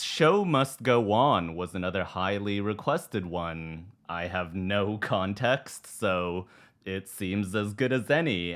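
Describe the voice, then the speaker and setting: A man with a low, croaky voice hosts a music reaction in an informal way. He takes his time as he talks, laid-back and self-deprecating, with some strain audible in the voice. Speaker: music reaction host, former performer. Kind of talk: casual reaction commentary.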